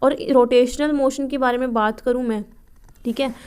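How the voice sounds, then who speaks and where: A young woman with a clear, smooth, slightly high voice walks through physics problems one step at a time. She reads the English question text slowly, word by word, and keeps checking in with the listener before moving on. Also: steady tone, darkish tone. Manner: repeats checks like "ठीक है" and asks herself questions before answering. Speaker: physics tutor for nursing entrance exams. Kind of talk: explaining exam problems step by step.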